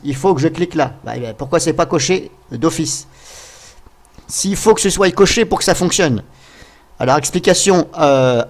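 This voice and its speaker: A man with a slightly high voice talks viewers through a piece of software in a relaxed, unscripted way. He thinks aloud, stops to puzzle over things and fills his pauses with hesitant "euh"s. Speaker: tutorial host. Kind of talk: casual software tutorial narration.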